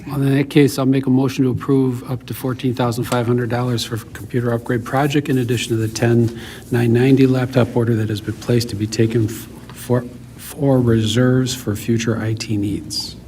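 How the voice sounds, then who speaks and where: Mellow-voiced trustee making a motion. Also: male voice, medium pitch, flat delivery, brisk, slight background noise. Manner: careful, formal wording of motions. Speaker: village trustee. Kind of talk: formal meeting business.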